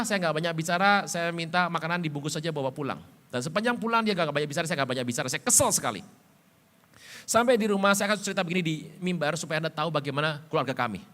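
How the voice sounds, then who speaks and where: A middle-aged male pastor telling stories in a sermon, animated, swinging between loud emphatic bursts and quiet low asides. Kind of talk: storytelling sermon. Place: church sanctuary. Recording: church hall reverb.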